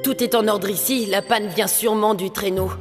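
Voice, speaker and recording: A woman's voice: mid-range voice, fairly even intonation, moderate pace, lightly acted. A woman voicing a diligent, anxious elf radio operator in a French children's cartoon, making alert, exclamatory calls. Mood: worried. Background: music.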